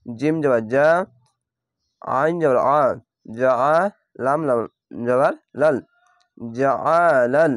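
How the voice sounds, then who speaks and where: A man teaching Quran reading in Bengali, spelling out each letter and vowel mark before blending the full word, with calm step-by-step explanations. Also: medium pitch, slow pace, long pauses, dry recording, clean studio sound. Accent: Bangladeshi Bengali. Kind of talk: slow spelled-out recitation lesson.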